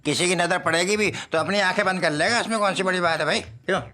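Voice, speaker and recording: An actor playing a cheeky brother-in-law who mocks and teases in a comedy TV serial. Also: male voice, high voice, quick pace, pushed and bright, faint music behind. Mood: teasing. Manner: mocking, cheeky.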